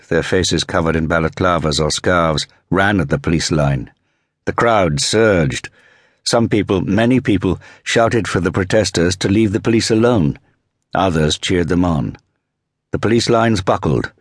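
Male audiobook narrator, very low voice, measured and vivid, dry studio read. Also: no room sound. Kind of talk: scripted narration.

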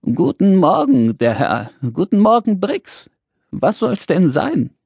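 An old woman who runs a small shop in a children's story, greeting customers in a friendly, sing-song way, as a male reader puts her on. Her voice swoops up and down with a husky grain. It is lifted higher than an ordinary man's voice. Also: huge pitch swings, takes it slowly, a little mellow, no echo, clean studio sound, exaggerated voice. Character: old woman shopkeeper, usually grumpy. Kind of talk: children's audiobook character voice.

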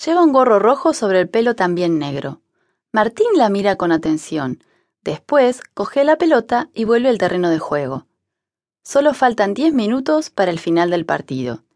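A woman narrating an audiobook for language learners, reading in a clear, measured way on a close studio mic. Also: mid-range voice, big pitch swings, a little mellow, no echo. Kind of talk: scripted narration.

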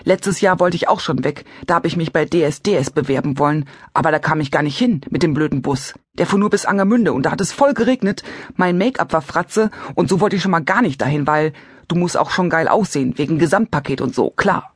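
A woman's voice: low-pitched, expressive, a little fast, slightly rough, no echo, clean studio sound. A woman reading an audiobook, voicing a naive, chatty young call-center girl who prattles in slang. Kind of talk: audiobook character voice.

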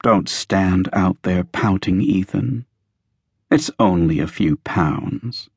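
A man's voice: lowish voice, big pitch swings, measured pace, no echo, studio quality. A man voicing a smug female crime boss who taunts and sneers in an audiobook. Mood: mocking. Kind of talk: audiobook character voice.

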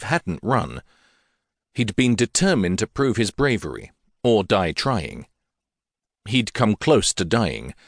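A man narrating a fantasy audiobook in a measured, even storytelling manner. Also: lowish voice, no room sound, studio quality.

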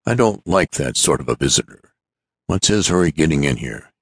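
A man's voice: extremely low pitch, lively intonation, normal speed, breathy edge, dry recording, clean studio sound, exaggerated voice. A man reading a story aloud, voicing a young inventor who speaks plainly and warily. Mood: wary. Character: young male inventor, cautious and wary.

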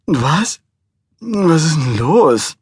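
A man's voice: fairly high pitch, sing-song, extremely slow, husky, dry recording, pitched above the performer's own voice, exaggerated voice. A man playing a sleepy, flustered expectant father woken in the night, exasperated. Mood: alarmed.

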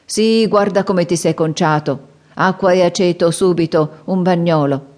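A woman voicing a booming, bitter old father. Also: a little slow, a little mellow, natural voice. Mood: gruff, scolding. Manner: booming, scolding, sighing. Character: gruff aging widower father, loud, bitter, mocking.

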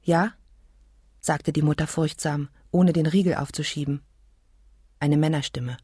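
Woman narrator, quiet measured storytelling, breathy, close and dry. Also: sits low, fairly even intonation, no echo. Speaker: audiobook narrator. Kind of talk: scripted narration.

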